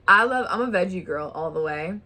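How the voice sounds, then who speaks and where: A woman's voice: fairly low pitch, lively intonation, normal speed, pushed and bright. A woman hosting a vlog, chatting casually while eating a meal at home. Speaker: vlog host. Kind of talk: casual chat over a meal.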